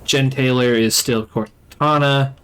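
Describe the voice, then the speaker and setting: A man's voice: mid-range voice, fairly even intonation, takes it slowly, a bit bright. A man giving casual, conversational commentary as a let's play host. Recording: game noise behind the voice. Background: video game sound.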